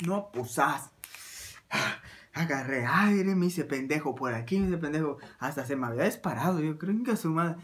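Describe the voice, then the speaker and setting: A man with a Mexican accent telling a comic anecdote in a crude, slangy, animated way. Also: fairly high pitch, moderate pace. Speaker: storyteller.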